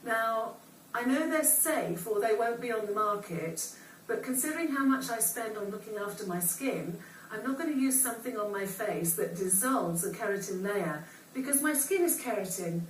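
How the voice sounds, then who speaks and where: A woman hosts a home shopping broadcast with chatty, emphatic sales patter. Her voice sits fairly high. She sounds set back from the mic in an echoey studio, with faint noise. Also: lively intonation, moderate pace, distant mic. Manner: emphatic, repeats words for emphasis.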